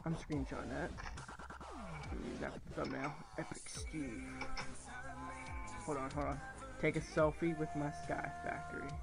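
A man's voice: on the high side, flat delivery, normal speed, creaky, over loud music, rough recording. A young man casually commentating his own gameplay, rambling and thinking aloud, often correcting himself and swearing casually. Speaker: gaming channel host.

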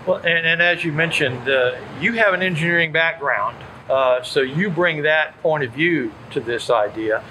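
A man's voice: fairly high pitch, normal speed, hardly any pauses, bright, forceful tone, a little hiss or hum, rough recording. A man interviewing a guest for a podcast, asking polite questions with hesitant repeated starts.

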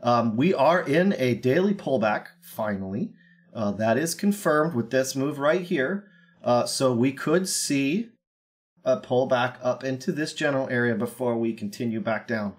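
A young man with a medium-pitched voice, slightly scratchy from a cold, works through a casual crypto market analysis at an unhurried, expressive pace. He's brash and joking, full of ums and uhs, and recorded on a webcam in a small room.

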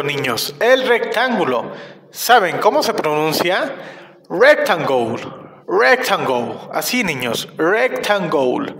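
A young man with a Mexican Spanish accent speaks in a high voice for small children, slow and sing-song. He repeats every word several times as he teaches. His voice rings out in an echoey room with a long reverb tail. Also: fairly bright tone. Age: young adult. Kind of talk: recorded lesson for kindergarten children.

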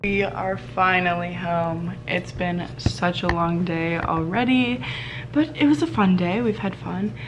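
Her voice is lowish and a little slow, set against background music in a low-quality recording. She's a college student in her twenties, indoors in her dorm room, vlogging to a camera held at arm's length in a casual, upbeat way and talking to her dog as she goes.

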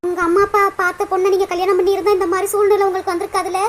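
A woman voicing Priya, a young cartoon wife who is soft-spoken and apologetic, with a Tirunelveli Tamil accent. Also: very high-pitched, level tone, very fast, a little hiss or hum. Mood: remorseful.

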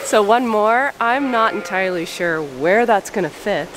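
Chatty thirties woman filming herself in a sheep barn, camera held out, steady barn noise behind her. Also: mid-range voice, moderate pace. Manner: chatty, thinks aloud with restarts. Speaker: sheep farmer vlogger. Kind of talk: casual vlog chat. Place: large covered sheep barn. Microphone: camera at arm's length.

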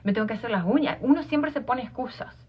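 A woman's voice: fairly high pitch, fast, breathy edge. Argentine lady coach chatting, keeps repeating herself, kinda dull muffled audio. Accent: Argentine Spanish. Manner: informal, repeats phrases, many fillers and restarts. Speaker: life coach. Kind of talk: casual motivational talk. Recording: dull lo-fi sound.

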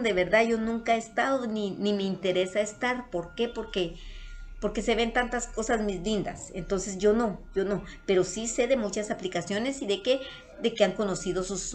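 A woman with a Guatemalan Spanish accent, telling a personal story to her viewers in a casual, earnest way. She often repeats herself and calls her audience her loves. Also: medium pitch. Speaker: vlogger.

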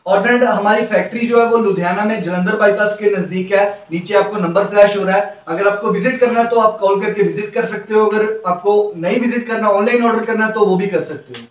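A man's voice: high-pitched, a little fast, few pauses. A young man presenting T-shirts in a clothing shop, with an eager, repetitive salesman patter and a lapel mic. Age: young adult. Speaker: garment seller presenting stock. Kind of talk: product showcase sales pitch. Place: indoor clothing shop with hanging racks. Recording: roomy, dull, slightly distant.

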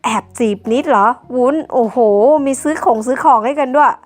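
A teasing young male contestant in an audio drama, voiced by a woman reader, poking fun at a friend. The voice stays high, over faint music. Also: fairly quick.

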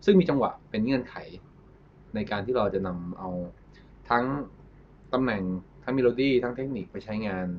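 A man's voice: medium pitch, normal speed. A man giving a casual guitar lesson, politely explaining and counting syllables aloud while he plays. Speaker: guitar teacher. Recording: lo-fi with guitar playing. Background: guitar and backing track.

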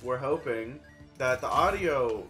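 A man's voice: medium pitch, expressive, takes it slowly. A young man co-hosting a gameplay video in a laid-back way, chuckling and rambling a little. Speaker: gaming channel co-host. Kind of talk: casual gameplay banter. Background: game music.

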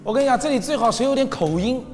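A man's voice: extremely high pitch, lively intonation, racing. A man explaining a song arrangement to his group in casual, emphatic rehearsal talk. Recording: hall reverb with music behind.

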